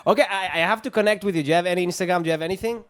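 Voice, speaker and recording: An Israeli man with an Israeli accent, chatting excitedly and effusively in broken English as a street interviewer. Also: sits high, very fast. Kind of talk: casual street chat.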